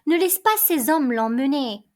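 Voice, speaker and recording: A woman's voice: high-pitched, lively intonation, a little slow. A woman reading a desperate young son. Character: young man, desperate son pleading with his father. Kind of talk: reading a play aloud.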